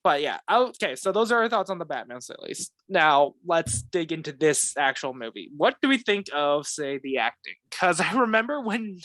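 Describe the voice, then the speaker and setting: A young man co-hosting a casual film podcast, moving the talk along with jokes. His pitch swings widely as he talks. The sound is dry and close, with no room around him. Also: moderate pace, few pauses, no room sound. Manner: animated, jokey, leads the discussion. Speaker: podcast co-host. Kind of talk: casual chat.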